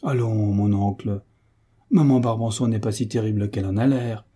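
A man's voice: on the low side, normal speed, husky. A man doing a cheerful, bold young soldier. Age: young adult. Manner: lively, teasing, resolute.

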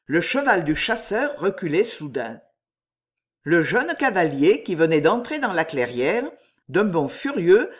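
A woman reads a historical novel aloud at an unhurried pace. Her voice moves widely and expressively. The storytelling is measured and careful. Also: lowish voice. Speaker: reader.

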